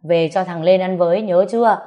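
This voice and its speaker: A kind young village man in a storybook tale, as a woman narrator puts him on, soft-spoken and coaxing. The voice sits a little low and speaks up slightly above the narration. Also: fairly even intonation, fairly quick, lightly acted. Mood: gentle coaxing. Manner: gentle, coaxing questions.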